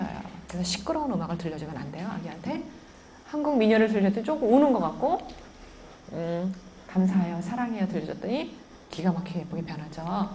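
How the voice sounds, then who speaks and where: Animated woman lecturing a crowd. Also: medium pitch, a little hiss or hum. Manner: animated, keeps quizzing the audience. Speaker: parenting lecturer. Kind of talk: lively lecture to an audience.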